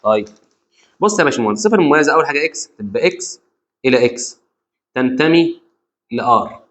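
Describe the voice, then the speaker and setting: A young man with an Egyptian Arabic accent teaching a math exam review, animated and repeating key rules to his students. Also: medium pitch, fast. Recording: lo-fi dull sound.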